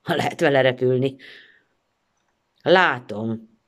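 An actress performs a first-person story as a theatrical recital. Her delivery is expressive, moving between pleading and irony. Her pitch rises and falls in wide, lively swings. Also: muffled recording.

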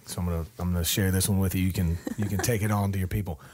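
Jokey podcast host, husky low voice. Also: male voice, steady tone, racing, a little mellow. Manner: jokey, chatty, laughs easily. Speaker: podcast host, singer-songwriter. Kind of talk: casual chat. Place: home studio.

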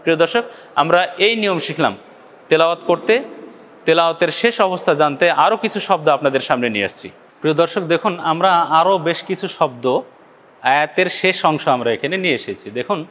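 A man with a high, light voice teaches recitation rules in a patient, methodical way. He talks to his viewers directly as he breaks each rule into small steps. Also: a bit bright, slight background noise. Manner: explains rules slowly, often addressing "dear viewers" and drawing out sample recitations. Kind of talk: step-by-step recitation lesson.

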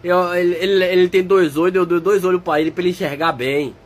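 A man voicing a brash, teasing male dog in a comic dub of animal videos, rowdy and quick to laugh. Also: sits high, fairly even intonation. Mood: cocky teasing. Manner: swings between mock threats and joking.

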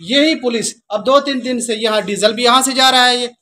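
A man, forcefully complaining to reporters at an outdoor market. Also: extremely high pitch, brisk, a little hiss or hum. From Pakistan. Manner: indignant, forceful complaint to the press. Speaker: protesting farmer spokesman. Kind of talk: street interview statement. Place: outdoor market arcade with crowd.

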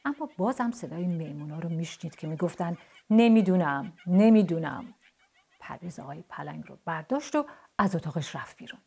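A woman reads a children's bedtime story in a soft, hushed, gentle manner. Her voice sits low and mellow, with a breathy quality. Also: big pitch swings.

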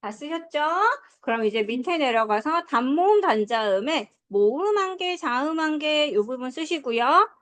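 A woman teaching English to a class, drilling pronunciation and quizzing her students in a lively, coaxing way. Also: sits high, moderate pace. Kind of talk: classroom lesson.

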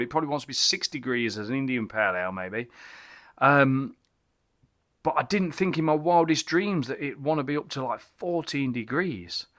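A middle-aged man with a mid-range, pushed and bright voice reviews beer in his small home bar. It's a casual vlog, and he rambles enthusiastically with lots of restarts and exclamations, indoors in a little bar cabin lined with bottle shelves.

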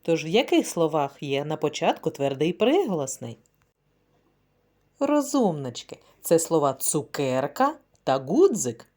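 A woman's voice: deep voice, sing-song, unhurried, darkish tone. A woman kindergarten teacher leading a phonics word game for young children, speaking in a sing-song, encouraging way.

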